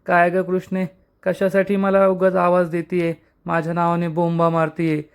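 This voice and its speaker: A man's voice: sits high, completely flat delivery, moderate pace, gravelly, clear, resonant tone. A man voicing a scheming, shameless young woman in a retold TV serial scene, who feigns innocence and snaps back in indignant denial. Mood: feigned sleepy.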